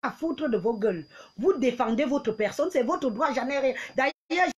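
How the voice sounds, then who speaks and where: A woman's voice: high voice, lively intonation, moderate pace, breathy edge. A woman, taunting and mocking her critics in a heated live-stream rant, often laughing. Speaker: livestreamer.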